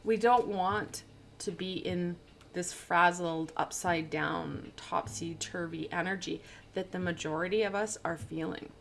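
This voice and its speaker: Speaking into a plug-in studio microphone, a woman does a casual tarot reading on a livestream, rambling, stumbling over words, and poking fun at her own slips. Her voice is fairly low and creaky, her pace measured, with slight background noise.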